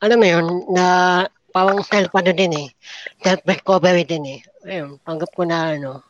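A performer voicing a nasal-speaking comic podcast character through voice-changing software, talking with a muffled speech impediment. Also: mid-range voice, steady tone, moderate pace, dry recording. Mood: bashful. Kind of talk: comedic podcast banter. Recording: noisy clicking background.

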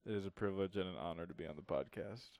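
A man's voice: sits low, racing, a little mellow, no room sound. A man from Minnesota, a guest on a podcast, joking in a dry, teasing way. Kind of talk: casual chat.

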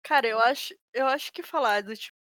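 Young woman, animated slangy storyteller, somewhat high voice, dry close sound. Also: fast, dry recording. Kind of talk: casual chat.

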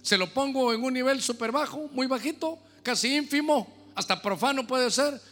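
A man's voice: extremely high pitch, normal speed, a bit bright. A male pastor preaching a sermon, emphatic, repeating phrases and putting questions to the congregation. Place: church. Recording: echoey hall, faint music.

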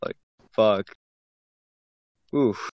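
A man's voice: drawn-out words, a little mellow, no room sound. A man co-hosting a podcast who tells long, rambling stories in casual chat, peppering them with "like" and "bro.". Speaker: podcast co-host. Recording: dry, dull lo-fi sound.

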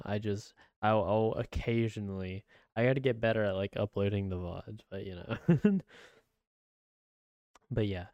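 Low, monotone young man chatting. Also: vocal fry, dry recording. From United States. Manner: rambling, flat, with many fillers and restarts. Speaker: streamer and channel owner. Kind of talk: casual solo chat to viewers. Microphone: desk microphone, close.

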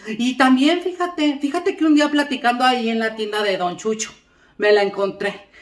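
A woman plays a gossipy middle-aged Mexican mom lecturing her family in a comic, rambling monologue, constantly tossing in "¿eh?" and "fíjate" to check on her listener. Her natural voice sits slightly high and moves at normal speed. A roomy echo fills the recording.

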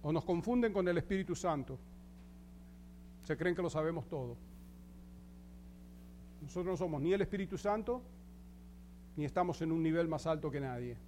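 A man's voice: on the high side, moderate pace, pauses often, a little mellow, a little hiss or hum. A man preaching as pastor, emphatic and addressing the congregation with questions. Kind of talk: sermon.

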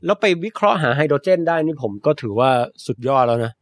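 A young man from Thailand talks through science news in a relaxed, chatty podcast manner. His voice sits a bit high and sounds dry and close to the mic, with little room around it. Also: fast, no room sound. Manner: explanatory, chatty, adds polite particles. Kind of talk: casual science chat.

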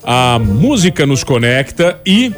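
A man's voice: medium pitch, very animated, slow. A man with a southern Brazilian accent hosting a radio show with casual comedic banter. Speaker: radio host. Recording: music playing behind the voice. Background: background music.

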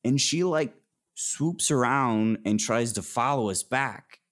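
A man's voice: mid-range voice, slow pace. A young man telling a story casually, acting out what people said and swearing often. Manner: animated, swears a lot, acts out quotes. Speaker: podcast guest.

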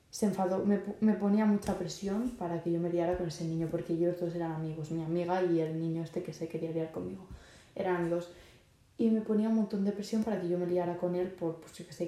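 A young woman from Spain with a Spanish accent hosts her podcast, giving advice in a loose, chatty monologue full of fillers and acted-out quoted lines. Her voice is fairly low with a dark tone, and the room sounds echoey.

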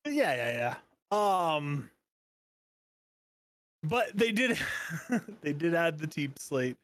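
A man's voice: fairly high pitch, extremely slow, no echo. A man co-hosting a podcast, joking and rambling in casual chat. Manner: animated, jokey, rambling with fillers. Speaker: podcast co-host.

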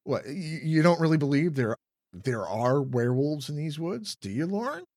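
A man's voice: a little high, sing-song, moderate pace, darkish tone, no room sound, clean studio sound. A man voicing a young hero who stammers while bluffing courage. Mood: doubtful. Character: brave kid hero, shaky but defiant.

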